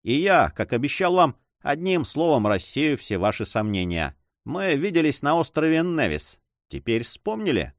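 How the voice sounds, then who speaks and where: A man's voice: on the high side, big pitch swings, normal speed, dry recording, voice pushed up. A self-assured adventurer who toys with his listener, as a male reader voices him. His talk rises and falls with playful emphasis. Close, dry storybook reading. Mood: mocking. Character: mocking confident French adventurer, adult male.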